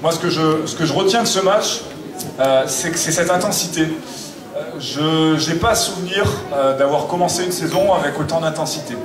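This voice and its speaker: A man's voice: a little high, normal speed. A man speaking as a coach, giving a post-match analysis to listeners. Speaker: basketball coach. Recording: echoey hall, distant mic, crowd noise.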